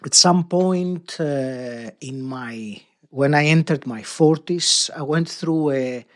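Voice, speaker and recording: A man's voice: a little high, slow pace. Man in his fifties, reflective. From Greece. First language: Greek. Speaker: podcast guest, coach. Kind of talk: interview answers.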